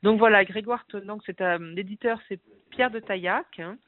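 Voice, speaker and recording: A woman's voice: medium pitch, steady tone, moderate pace. A woman talking on a radio show about books by phone, chatty, with many fillers and restarts. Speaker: book reviewer and blogger. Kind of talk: casual radio chat on the phone. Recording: phone-line sound.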